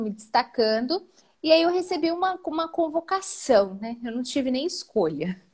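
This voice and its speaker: A Brazilian Portuguese-accented woman is a guest in a live interview, emotionally recounting her personal story. Her delivery is lively, studded with "né?", and marked by sudden upward jumps in pitch.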